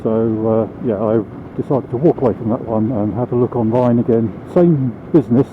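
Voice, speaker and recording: Vehicle and road noise come through clearly on the phone-like helmet mic as a British man chats casually while riding his motorbike. His voice is medium in pitch and he speaks at normal speed.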